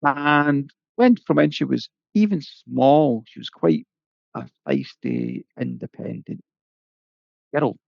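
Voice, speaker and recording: A man's voice: medium pitch, wildly swooping pitch, slow, gravelly, no echo, muffled recording. A man with an Irish accent telling a folk tale aloud in a chatty, folksy way, with asides to the listener. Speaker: storyteller. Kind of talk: oral storytelling.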